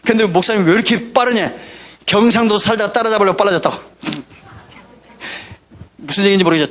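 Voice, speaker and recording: High-voiced pastor preaching with jokes. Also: male voice. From Korea. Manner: lively, joking asides to congregation. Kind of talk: sermon.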